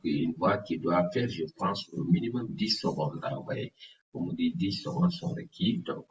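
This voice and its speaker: A man explaining software in a casual tutorial, hesitant and often restarting his sentences. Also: low-pitched, a little hiss or hum. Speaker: tutorial host. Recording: roomy, distant, dull sound.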